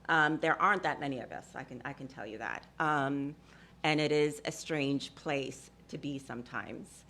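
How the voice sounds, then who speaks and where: A woman's voice: sits low, fairly bright tone. A woman from Ethiopia speaking on a discussion panel, hesitant and full of fillers, often laughing.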